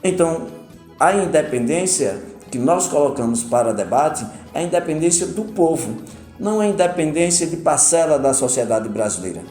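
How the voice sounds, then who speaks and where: Measured man, echoey room, Pernambuco accent. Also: on the high side, expressive, warm tone, soft background music. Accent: Pernambuco Brazilian Portuguese. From Brazil. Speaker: union leader interviewed. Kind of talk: recorded interview statement.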